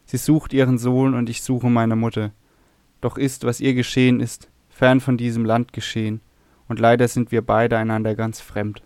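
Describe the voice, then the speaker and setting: A man's voice: medium pitch, flat delivery, normal speed, darkish tone, clear, resonant tone, no echo, lightly acted. A man voicing a grieving young male temple servant, speaking earnestly and sorrowfully.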